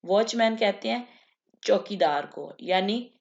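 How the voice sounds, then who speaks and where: Woman teaching English words slowly. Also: medium pitch, animated, gravelly, lo-fi sound. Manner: repeats each word, then explains it slowly. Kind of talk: vocabulary lesson.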